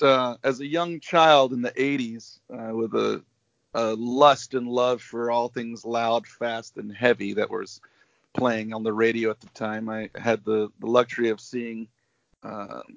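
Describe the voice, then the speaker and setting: A man's voice: medium pitch, steady tone, a little slow, creaky, fairly bright tone, dry recording. A middle-aged man talking over a video call as an interview guest, telling stories in an enthusiastic, rambling way. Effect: heard over a video call, connection breaking up. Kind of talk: casual interview. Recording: dull, lo-fi video call audio.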